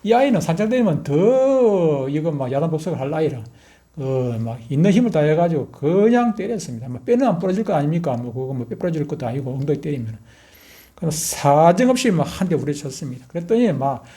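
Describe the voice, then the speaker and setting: A man's voice: fairly high pitch, brisk. A middle-aged man, a pastor preaching a sermon and telling stories animatedly. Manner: animated storytelling, acting out scenes with loud outbursts. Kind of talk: sermon with personal storytelling.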